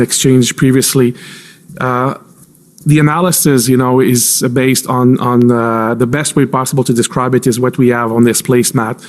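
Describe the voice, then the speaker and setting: A man giving formal testimony as an intelligence official under cross-examination, choosing his words carefully with many pauses and repeats. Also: mid-range voice, darkish tone. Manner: careful, halting, hedged with frequent pauses and repeats. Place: formal public inquiry hearing.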